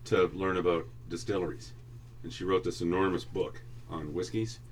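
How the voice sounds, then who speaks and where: A man co-hosting a podcast, chatting casually and telling wry, expressive stories. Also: deep voice, moderate pace, a little hiss or hum. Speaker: podcast co-host. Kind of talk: casual chat.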